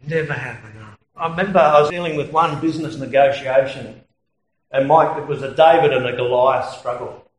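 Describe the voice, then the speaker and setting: A man's voice: mid-range voice, a little fast, roomy sound, rough recording. A man with an Australian accent preaching a sermon in a conversational way, telling anecdotes and chuckling at his own stories.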